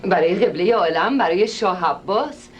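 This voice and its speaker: A woman's voice: fairly low pitch, expressive, dull audio, a little hiss or hum, lightly acted. An actress playing a pushy, doting middle-aged woman who insists on meeting a king, in a stage comedy with an insistent, fawning manner. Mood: pleading. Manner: insistent, fawning, sharp-tongued when crossed.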